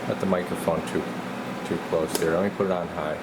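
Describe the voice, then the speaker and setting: In a low, brisk voice, a radio repair technician walks through his bench work in a casual hands-on demonstration, talking himself through every step informally. The workshop audio is noisy, with a loud hiss that never lets up.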